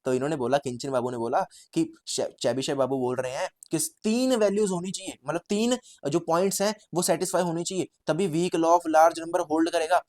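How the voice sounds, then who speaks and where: Male teacher, storytelling lecture, lively, repeats himself, slightly higher voice. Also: a little fast, hardly any pauses. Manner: lively, repetitive, addresses viewers as bhaiya. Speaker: statistics teacher.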